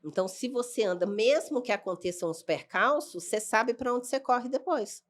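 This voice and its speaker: A woman's voice: fairly high pitch, expressive, normal speed. A woman, a podcast guest earnestly telling her life story in a casual chat. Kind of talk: personal testimony in casual chat.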